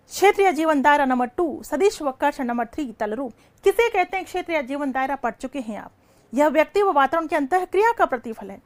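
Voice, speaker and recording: A woman teacher giving a live online lecture, asking questions and answering them herself, and calling her students "beta". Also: high-pitched. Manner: calls students "beta" affectionately.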